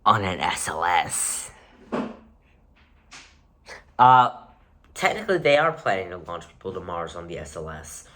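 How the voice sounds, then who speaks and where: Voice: deep voice, expressive, measured pace, pauses often, a bit bright, slight background noise. A space enthusiast delivering an escalating comedic rant, sarcastic and exasperated, with dramatic emphasis on repeated words.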